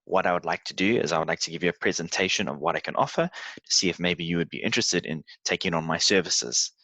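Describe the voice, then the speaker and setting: A South African man in his thirties, an English tutor, gives a relaxed, conversational presentation while sharing his screen, using filler words often. His voice is low-pitched and fast, and the recording is dry.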